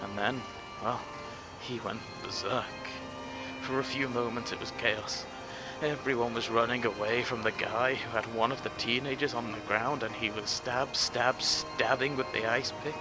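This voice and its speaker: A man's voice: medium pitch, fairly even intonation, normal speed, poor audio. A man commenting on a video game he plays, joking and swearing, and reading in-game notes aloud with dramatic storytelling. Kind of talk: let's play commentary. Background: game music.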